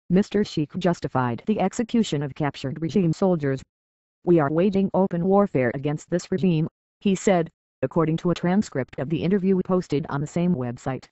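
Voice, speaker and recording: A news reader delivering a scripted report in an even, measured way. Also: mid-range voice, no echo, highs cut off. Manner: even, measured read of a written wire story.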